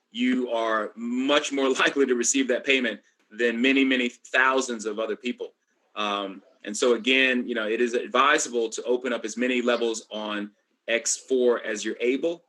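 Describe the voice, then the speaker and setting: A man with a bright, forceful voice fields questions on a live internet call. His audio drops out in choppy gaps as the connection breaks up. He speaks haltingly and stops often to restart. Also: mid-range voice, poor audio. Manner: halting, with many fillers and restarts. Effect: audio dropping out on a breaking-up internet call. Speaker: presenter answering questions.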